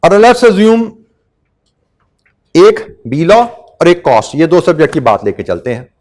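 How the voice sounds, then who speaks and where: A man's voice: on the high side, big pitch swings, unhurried, darkish tone. A middle-aged male teacher, giving earnest study advice to students in a lecture and repeating his points.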